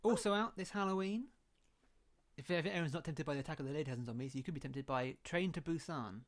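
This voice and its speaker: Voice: mid-range voice, fast. A podcast co-host and film reviewer in casual chat, explaining things at length and giving firm opinions. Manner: explanatory, opinionated, laughs easily.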